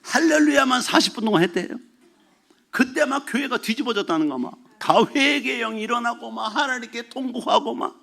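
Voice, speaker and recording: A man preaching a Sunday sermon as pastor, telling a story in an animated way and shouting exclamations from it. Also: very high voice, a little fast, creaky. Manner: animated storytelling, mixes formal and casual speech, shouts acted exclamations. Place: church sanctuary.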